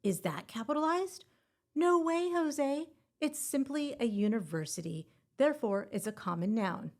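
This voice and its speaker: A woman's voice: high-pitched, lively intonation, normal speed, darkish tone. A woman hosting a scripted exam-prep podcast and teaching grammar in a playful, upbeat way with puns.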